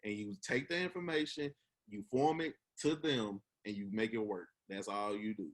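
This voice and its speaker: Hosting a relaxed podcast conversation, this twenty-something from Memphis speaks with a Southern accent in an encouraging, earnest, slang-filled way. His pitch is fairly low and his pace moderate.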